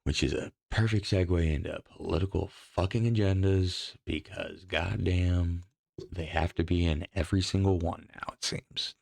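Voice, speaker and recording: Very deep gravelly man ranting. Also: steady tone, moderate pace, a little mellow, dry recording. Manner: profane, rambling, exasperated. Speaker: podcast host. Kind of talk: casual ranting commentary.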